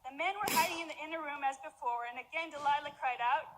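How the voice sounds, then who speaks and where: A woman's voice: high voice, fast talker, background noise. A woman pastor narrating a scripture story in church, upbeat and playful as she guides volunteers. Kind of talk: narrating a scripture skit to a congregation.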